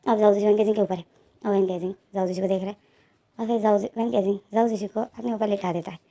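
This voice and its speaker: A woman's voice: medium pitch, fairly even intonation, fast talker, dark tone. A woman narrating a fan-fiction story in a chatty, conversational way. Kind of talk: casual fan-fiction retelling.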